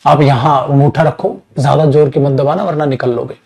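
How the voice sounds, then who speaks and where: Male teacher, a bit higher voice, patiently drawn-out sound demos. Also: fairly even intonation, vocal fry, a little mellow, low-quality recording. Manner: addresses students as beta, drawn-out demonstration of sounds. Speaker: English teacher. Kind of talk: online classroom lesson.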